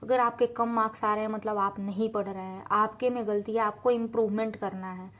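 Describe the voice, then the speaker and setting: In a casual to-camera talk, a young woman from India gives sincere, straightforward study tips, repeating herself for emphasis and slipping into English now and then. Her medium-pitched, fairly bright voice moves a little fast with fairly even intonation.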